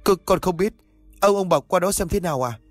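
A man's voice: fairly high pitch, a little fast, no echo, faint music behind, voice pushed up, natural voice. A man voicing a panicked young male servant who stammers and pants, in a spoken horror story. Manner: stammering, breathless.

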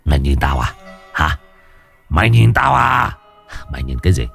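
A man voicing a ruthless scheming village elder in a low, menacing growl. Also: normal speed, darkish tone, soft background music.

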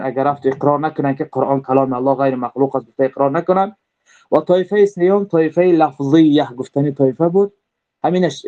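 A man with a Tajik Persian accent lectures on religious creed in a fairly high but mellow voice. He explains point by point, rephrasing and pausing on fillers. The recording sounds dull and lo-fi. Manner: explanatory, repeats and rephrases, frequent hesitations. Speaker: religious teacher.

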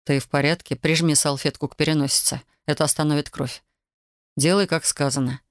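A woman reading an audiobook, voicing a firm, protective young man who speaks calmly and with authority. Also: deep voice, fairly quick, dry recording, studio quality, voice pushed down, close to an everyday voice. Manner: calm, hard, commanding.

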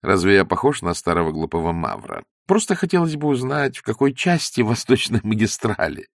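A charming male schemer from a storybook, ironic and self-assured, voiced by a male reader. The voice is on the lower side with lively, expressive intonation. It is recorded close and dry. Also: a little fast, gravelly, no room sound, heavily acted.

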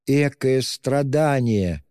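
A man's voice: on the low side, big pitch swings, slow, darkish tone, husky, dry recording, studio quality, big-room sound, voice pushed up, heavily acted. A man reading an audiobook, voicing a fervent, pleading young woman who speaks in exclamations.

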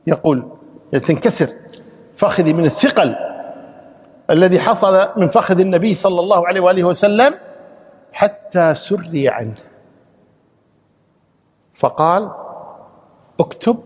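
A man's voice: high voice, lively intonation, normal speed, pauses often, darkish tone, slightly rough, in a large hall. A man, a sheikh giving an emphatic Quran exegesis lesson, reciting verses and repeating key phrases.

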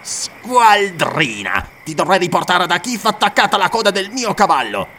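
A man's voice: mid-range voice, very animated, measured pace, a bit bright, recorded from a distance, slight background noise. A man voicing a cruel, arrogant lord who mocks and domineers in an audiobook. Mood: mocking. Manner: mocking, domineering.

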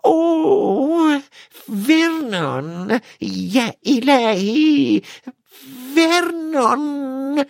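A man voicing a frightened middle-aged aunt with a trembling, drawn-out, shrill voice. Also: darkish tone, dry recording, studio quality. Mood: fearful.

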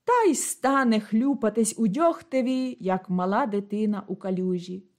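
A woman reading a classic story aloud as scripted narration, measured and lively in delivery. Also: mid-range voice. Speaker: audiobook reader.

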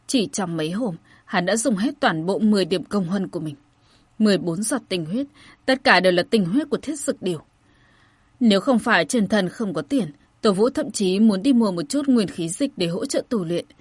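A woman reads a fantasy novel aloud at an even, steady pace. Her voice is husky and sits at a middle pitch. The recording is close and dry. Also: dry recording. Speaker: audiobook narrator. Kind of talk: scripted narration of a fantasy novel.

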